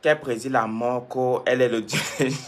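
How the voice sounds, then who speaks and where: A young man from Cameroon, talking to his viewers on a live stream, answering comments and repeating points for emphasis. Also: medium pitch. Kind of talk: casual live-stream talk.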